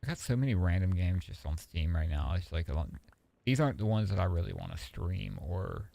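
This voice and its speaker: A man with a low, gravelly voice and a dark, mellow tone talks loosely over a game stream. He rambles from thought to thought and swears without a second thought. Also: a little fast, no room sound. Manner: relaxed, rambling, swears freely. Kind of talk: casual stream chat.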